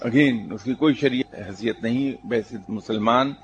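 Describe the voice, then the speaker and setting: At medium pitch, a spiritual teacher tells stories in a calm, measured way while answering a question in his religious talk, using some English terms. The recording sounds muffled and carries a little hiss or hum.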